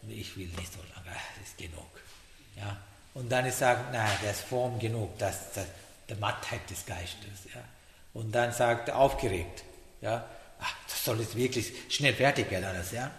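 A man giving a meditation talk in halting German, often checking in with a questioning "ja?". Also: medium pitch, a bit bright. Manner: halting non-native German, frequent "ja?" checks. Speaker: meditation teacher. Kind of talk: dharma talk. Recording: echoey hall, faint noise.

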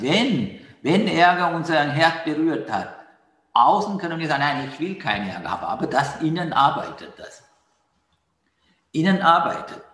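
A man giving a calm dharma talk on mindfulness as a meditation teacher, patiently repeating his key phrases. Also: fairly high pitch. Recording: roomy hall with long reverb.

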